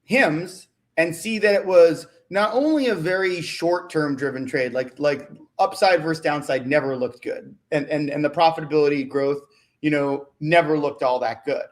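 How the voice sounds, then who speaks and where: A man heard over a video call, his voice sitting a little high for a man. He talks stocks in a loose, halting way, doubling words as he goes and checking in with "right?". It sounds like an unscripted livestream chat. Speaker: stock market analyst. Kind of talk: casual livestream market chat.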